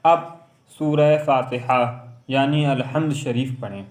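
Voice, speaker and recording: A man teaching how to pray, explaining each step and repeating it, then reciting Arabic verses in a slow chant. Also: mid-range voice, steady tone, darkish tone. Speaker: religious teacher. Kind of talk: instructional lesson on prayer.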